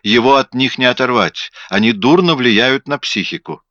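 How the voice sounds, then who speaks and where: A man reading an audiobook, voicing a sharp, nagging middle-aged wife who scolds her husband. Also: mid-range voice, moderate pace, no echo, dull audio, pitched above the performer's own voice, natural voice. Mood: indignant.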